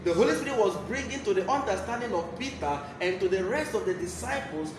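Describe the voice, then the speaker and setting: Very high-pitched Nigerian male preacher, echoey. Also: expressive, brisk, over music. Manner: emphatic, repeats key phrases. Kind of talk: Bible teaching sermon. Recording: echoey room, clear background noise.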